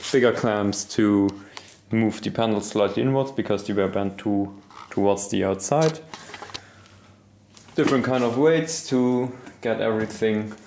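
Low-voiced young man. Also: a little mellow, a little hiss or hum. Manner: self-critical, explaining as he works. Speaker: hobby boatbuilder. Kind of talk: casual workshop vlog. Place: indoor garage workshop. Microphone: action camera, handheld and set down. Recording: roomy workshop echo, faint music.

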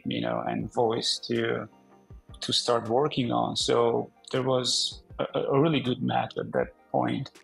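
A man in his forties from Armenia talks as a podcast guest over a video call, with a gravelly, husky voice. He speaks conversationally, with frequent fillers and restarts. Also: medium pitch, poor audio. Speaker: podcast guest, company founder. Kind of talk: casual interview talk. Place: indoor room.

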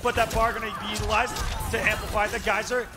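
A man with a high-pitched voice calls a fighting game tournament live. His play-by-play is excitable and emphatic, and music plays clearly behind him. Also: fast. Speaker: esports commentator.

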